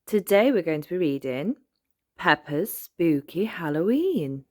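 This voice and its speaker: Slow, expressive woman reading a storybook. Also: lowish voice. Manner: gentle, clear and expressive. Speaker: channel host reading to children. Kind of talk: children's storybook read-aloud.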